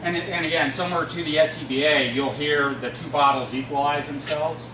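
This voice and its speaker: A middle-aged man, a fire district equipment trainer, gives an informal demonstration in a halting, matter-of-fact manner, his fairly high voice holding a steady tone. He's picked up by a camera across an indoor equipment room with a concrete floor, so the sound is distant, echoey and noisy.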